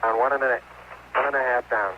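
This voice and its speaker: A man's voice: medium pitch, fairly even intonation, brisk. A man in a lunar lander giving clipped, matter-of-fact radio callouts over a space radio link with beeps and static. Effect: space radio transmission with beeps and static. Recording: noisy, dull radio transmission from space.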